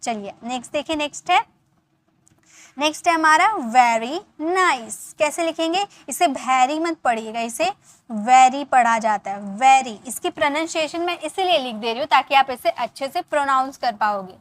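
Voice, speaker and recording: A woman's voice: high-pitched, animated, moderate pace. A woman teaching beginner English, patiently spelling out words, repeating pronunciations and quizzing the viewer. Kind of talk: spoken English lesson explained in Hindi.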